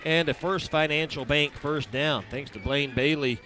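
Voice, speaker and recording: A male announcer at an outdoor stadium covers a high school football game, calling every snap at a brisk clip and fitting in sponsor reads. His tone is sharp.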